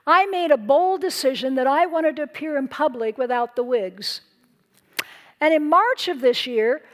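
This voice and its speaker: Woman speaker, high voice, earnest and emphatic, inspirational stage talk. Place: stage before a live audience.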